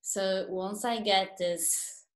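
A woman from Portugal, a musician, talking in a lively way on a video call. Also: medium pitch, drawn-out words. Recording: roomy webcam sound.

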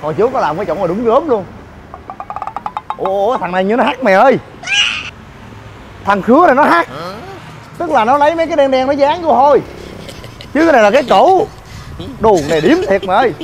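A man's voice: very high voice, expressive, fast, pauses often, crowd noise. A man ranting to viewers while inspecting shoddy building work, scolding and exasperated. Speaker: gym owner and vlogger. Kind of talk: ranting vlog walk-through.

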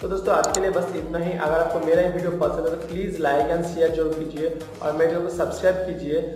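A man talks viewers through a computer setup one click at a time, his fairly high voice ringing in a roomy space. The reverb hangs on his words, and soft music plays faintly underneath. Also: flat delivery, a little fast. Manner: step-by-step explaining. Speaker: tech tutorial host. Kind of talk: screen-recorded tutorial.

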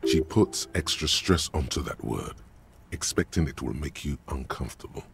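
A deep gravelly game narrator. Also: male voice, lively intonation, background noise, exaggerated voice. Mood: calm coaching. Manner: grave, measured, coaching. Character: man, stern inner narrator voice of a detective. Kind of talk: video game voice acting.

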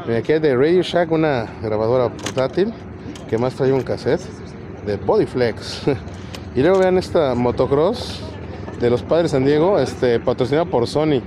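A man in his thirties hosts a relaxed walk-and-talk vlog at an outdoor swap meet, chatting and listing the items around him at normal speed. His voice is medium-pitched with lively intonation, there's background noise, and an action camera, handheld or on his body, records it.

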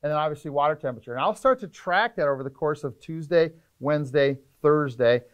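A middle-aged man, a fishing charter captain, explaining trip planning in casual, energetic interview talk in an indoor tackle shop. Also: a little high. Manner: energetic, gestures a lot, lists points rapidly.

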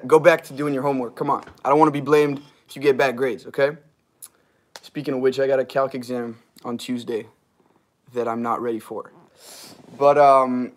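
Heard through a device camera at arm's length in a small wood-paneled garage room, a young man in his twenties hosts a livestream and reads out viewer comments. His mid-range voice is a bit hoarse and strained, and he rambles casually, laughing and using fillers.

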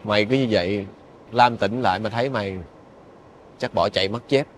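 A blunt young man, played by an actor, teases a friend in a fairly low voice. He talks plainly and bluntly. Faint room noise sits behind him. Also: brisk, lightly acted. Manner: blunt and teasing.

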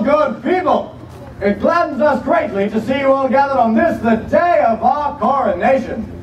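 High, pompous olde English fair king. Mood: grand, jovial. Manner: pompous, projected stage proclamation. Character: imperious, boisterous King Henry the Eighth of England. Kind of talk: theatrical Renaissance fair olde English speech. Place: outdoor wooden stage at a fair, far camera. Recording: distant, muffled, echoey outdoor stage, noisy.

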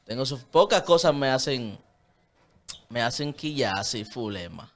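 A man in his thirties with a Dominican Spanish accent speaks earnestly as a guest in a small padded radio studio, wearing headphones and talking into a studio mic on a desk stand. His mid-range voice has lively intonation and a measured pace, and he gestures a lot during this casual studio chat. A little hiss or hum sits under the audio.

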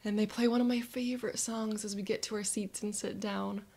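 A woman narrating a guided visualization in a soft, reflective way that often drops to a whisper. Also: mid-range voice, steady tone, fairly quick, gravelly, breathy edge.

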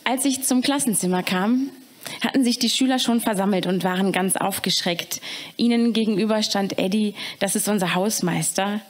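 A woman's voice: mid-range voice, normal speed. A woman performing a slam poem in a wry, conversational storytelling manner.

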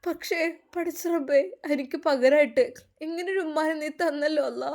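A woman's voice: high-pitched, moderate pace, darkish tone. A woman voicing an affectionate young bride with a light, pleading voice. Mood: tearful.

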